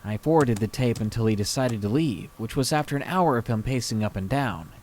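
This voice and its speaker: A man reading a scary true story aloud with slow, dramatic pacing. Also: medium pitch, animated, a little mellow, slight background noise. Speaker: story reader.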